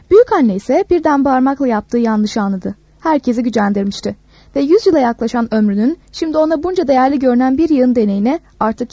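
Woman reading a story out loud, calm, dry close sound. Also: on the high side, breathy edge, dry recording. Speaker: narrator.

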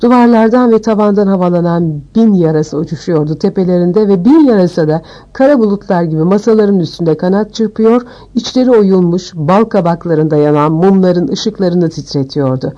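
A woman reading an audiobook aloud with expressive storytelling. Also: on the low side, normal speed, few pauses, lo-fi sound. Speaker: audiobook narrator. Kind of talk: scripted audiobook narration.

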